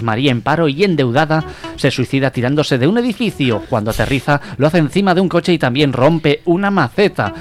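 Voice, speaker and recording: A man reading comic sketches on a radio humor show, dry and crude. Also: fairly high pitch. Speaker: radio comedy host.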